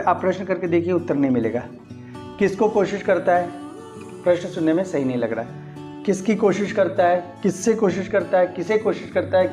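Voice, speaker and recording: A man with a warm voice on the high side gives an explanatory English grammar lesson. He works through it step by step, repeating key phrases while questioning his students.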